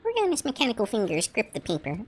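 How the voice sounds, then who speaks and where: Higher-voiced woman streaming a game. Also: huge pitch swings, quick pace. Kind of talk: casual game commentary and reading game text.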